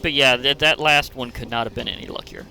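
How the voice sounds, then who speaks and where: A man's voice: medium pitch, fairly even intonation, fast, bright, forceful tone. A man giving casual, chatty commentary while playing a digital card game, thinking aloud and laughing often. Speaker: gaming channel host.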